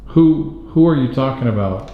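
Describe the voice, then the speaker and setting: A man with an expressive, medium-pitched voice firmly probes a spirit with questions at normal speed while investigating an abandoned hospital floor. The roomy, dull hall recording carries a little hiss or hum.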